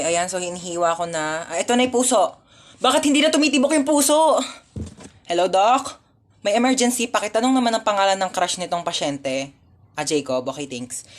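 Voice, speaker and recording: A woman performing comic skits, playful and swinging between soft asides and loud outbursts. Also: medium pitch. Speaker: comedy skit creator. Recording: music playing behind. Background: music.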